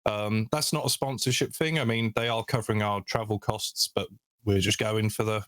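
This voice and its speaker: Teasing co-host, dry close sound. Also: male voice, lowish voice, steady tone, normal speed, a bit bright, no echo. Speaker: podcast co-host. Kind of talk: casual podcast chat.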